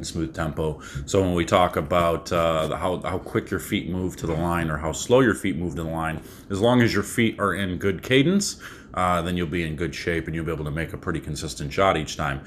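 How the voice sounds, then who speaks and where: Filmed in a small home room, a man in his thirties who coaches bowling offers a laid-back tip to camera. He rambles with fillers and restarts in a low voice, over a slight hiss or hum.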